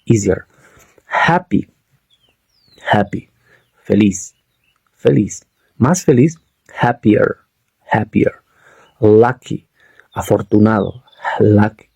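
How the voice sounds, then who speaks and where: A man teaching English grammar, drilling words by slow repetition and checking in with listeners. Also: fairly low pitch, vocal fry, warm tone, husky, no room sound. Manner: repeats words slowly for drilling. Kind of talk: explaining grammar to learners.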